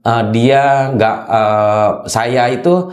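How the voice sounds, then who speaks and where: A man's voice: medium pitch, steady tone, very slow. A man telling his story as an interview guest, hesitant, with many fillers and tag questions. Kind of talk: casual testimony interview. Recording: roomy echo.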